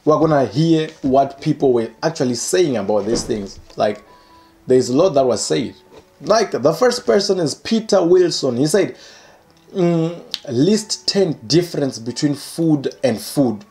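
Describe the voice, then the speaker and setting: A young man in his twenties hosting his own channel, reading comments aloud and joking about them in a playful, animated way, recorded indoors by a window. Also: on the high side, unhurried, soft background music. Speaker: channel host. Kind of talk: casual comedic commentary. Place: indoor room by a curtained window.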